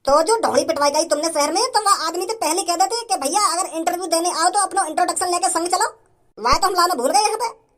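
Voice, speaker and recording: A boastful village thug swaggers through a cartoon, as a woman puts him on. He stammers, chuckles and brags, and the voice sits very high for a man. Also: a little fast, a bit bright, a little hiss or hum. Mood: sheepish. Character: boastful rustic male village thug, grinning. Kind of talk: cartoon voice acting.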